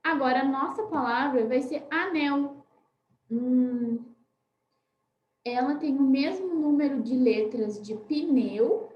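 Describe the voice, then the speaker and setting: A Brazilian teacher with a high, light voice talks young pupils through a lesson, slowing right down to spell out each word. She keeps checking in with a gentle "né?", and the room around her rings with echo. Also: muffled recording. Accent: Brazilian Portuguese. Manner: patient, spells words out slowly, often asks "né?". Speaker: primary school teacher. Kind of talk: recorded online class for children.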